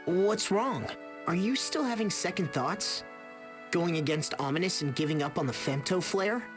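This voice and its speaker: Earnest young game hero. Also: male voice, high-pitched, animated, normal speed, over music. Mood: concerned, gentle. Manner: reassuring, straightforward. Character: earnest, reassuring young male companion. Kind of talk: video game voice acting.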